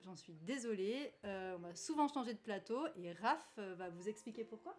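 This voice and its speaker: A woman's voice: medium pitch, animated, moderate pace. A young woman hosting a live stream in a casual, giggly, slightly nervous way. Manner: giggly, upbeat, a little nervous. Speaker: streamer host.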